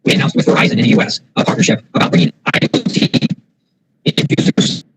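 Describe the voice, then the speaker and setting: A man giving a remote business keynote, his voice choppy and breaking up over a failing video call. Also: fast talker. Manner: fluent corporate pitch, lists points. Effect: choppy, breaking-up video call audio. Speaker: tech executive presenter.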